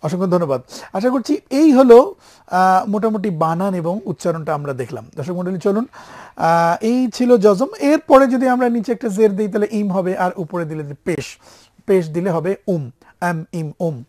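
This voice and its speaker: A man teaching on television, patiently spelling out letters slowly and having viewers repeat after him. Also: sits high, lively intonation, a little mellow. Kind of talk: televised lesson on reading Arabic letters.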